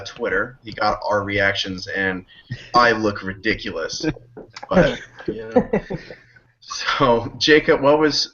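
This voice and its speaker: A man with a lowish, pushed, bright voice hosts a casual sports podcast, teasing his guests and laughing often. The audio is muffled, lo-fi call quality.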